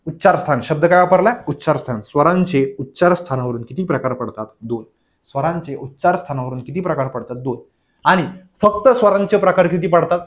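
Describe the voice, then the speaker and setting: Man drilling grammar, fairly high voice. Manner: drilling with repeated questions and answers. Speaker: teacher. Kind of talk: exam revision lecture.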